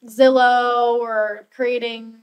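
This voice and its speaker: A woman's voice: fairly high pitch, little pitch movement, very slow, clean tone, rough recording. A young woman talking in an upbeat, chatty way with many fillers in a casual interview, as a new real estate agent. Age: young adult.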